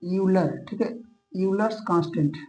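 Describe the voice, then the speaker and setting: A man's voice: sits high, moderate pace, darkish tone, poor audio. A man teaching a maths lesson, explaining step by step in a patient way, often stopping to check that students are following and mixing English maths terms into his sentences. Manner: patient, checks in constantly with "okay?". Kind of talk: classroom lecture.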